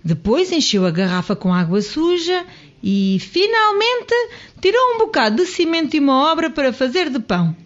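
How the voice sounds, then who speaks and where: A woman reads a children's tale aloud, her fairly high voice swooping up and down for emphasis. The audio is dull and lo-fi, as from a radio broadcast. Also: sing-song, moderate pace. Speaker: storyteller. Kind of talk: children's story narration.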